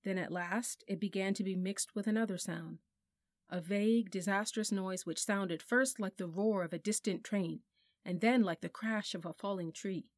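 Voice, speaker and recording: A woman narrating a children's storybook in a measured, softly expressive way. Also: medium pitch, no room sound, clean studio sound. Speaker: audiobook narrator.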